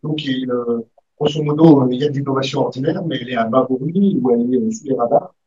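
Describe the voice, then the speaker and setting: At a university conference, a man in the audience stammers and gropes for words as he makes a comment and poses a question during an academic discussion. His voice is medium-pitched, mellow and a bit breathy, and he talks quickly. The recording has no echo but sounds dull and muffled.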